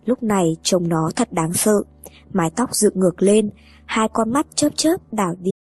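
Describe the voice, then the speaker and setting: A woman's voice: mid-range voice, animated, moderate pace, a little mellow, slightly rough, no echo. A woman reading a first-person horror story aloud in a tense, brooding way. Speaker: narrator. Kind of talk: scripted horror story narration.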